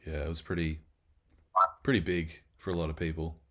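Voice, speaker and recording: Brief: relaxed Aussie podcast host, very deep voice, casual and wry. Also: male voice, brisk. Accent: Australian. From Australia. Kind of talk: casual conversation.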